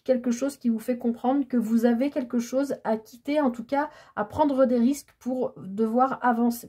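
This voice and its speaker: A woman giving a tarot reading in a casual, hesitant way, stammering and filling pauses as she talks. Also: on the high side, dark tone. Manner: hesitant, stammering, many fillers. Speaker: tarot card reader.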